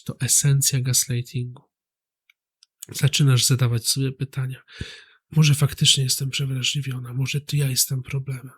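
Calm man narrating to the listener. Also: mid-range voice. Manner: calm, speaks directly to the listener. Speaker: psychology channel host. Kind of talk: scripted narration.

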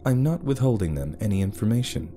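A man voicing a calm male artificial intelligence that oversees a world, speaking in a measured, explanatory way. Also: fairly low pitch, music in the background.

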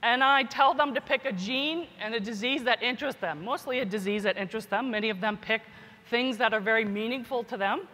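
Brisk, pushed, and bright, a woman's fairly high voice carries an informal conference keynote in which she speaks as a scientist and teacher, adding "right?" and "you know" often. The echoey, large hall gives a long reverb.

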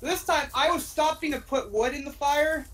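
Excitable, high-voiced young woman gamer. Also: poor audio. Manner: excitable and apologetic, quick bursts. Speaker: co-op game player. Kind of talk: casual gaming chat.

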